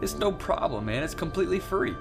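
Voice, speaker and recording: A man's voice: a little high, expressive, fairly quick, creaky, over music. A man voicing an eager, friendly young churchgoer pleading with a buddy in a comic radio ad. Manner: upbeat, pleading, laughing. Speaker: ad character.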